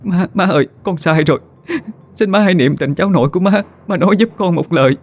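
A man's voice: high voice, quick pace, pitched above the performer's own voice. A man voicing a tearful young wife who sobs and begs, in a read-aloud story. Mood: pleading. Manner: sobbing, begging. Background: faint music.

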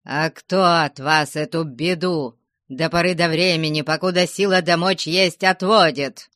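A woman's voice: low-pitched, steady tone, unhurried, no room sound, studio quality. A woman doing a furious stern old father. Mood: domineering. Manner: shouting, threatening.

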